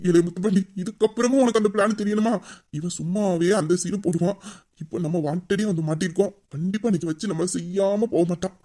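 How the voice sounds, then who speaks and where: A man voicing an exasperated young lover, high-pitched. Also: fast, mellow, natural voice. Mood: grumbling. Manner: grumbling, sarcastic inner asides. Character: young man in love, exasperated with his friend. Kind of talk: Tamil audio story, casual dialogue.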